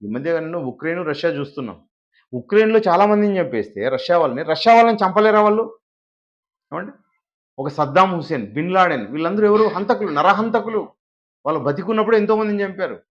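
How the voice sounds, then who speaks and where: Male preacher from India, live sermon, emphatic, fairly high voice, muffled lo-fi sound. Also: animated, quick pace. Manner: emphatic, rhetorical questions to listeners. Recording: dull lo-fi recording.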